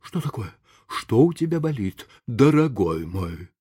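A reader voicing an older aunt who scolds a boy for faking illness in a brisk, no-nonsense way. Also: medium pitch, huge pitch swings, fairly bright tone, exaggerated voice. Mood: worried. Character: stern but kindly old aunt.

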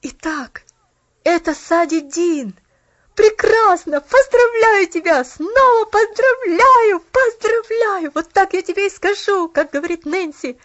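A woman reading aloud, voicing a cheerful, steady young man who speaks in warm, hearty exclamations. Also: high-pitched, normal speed, no room sound, highs cut off. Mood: delighted.

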